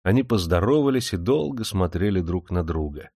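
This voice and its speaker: Man, audiobook narration, steady, descriptive, lowish voice, dry. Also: fairly quick, slightly rough, dry recording.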